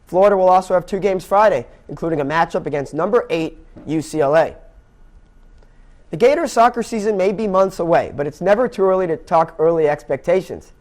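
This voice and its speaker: Delivering sports news from a script, this young male anchor, who also calls baseball play-by-play, has a high voice with a slightly mellow quality. His pace runs a little fast throughout the broadcast.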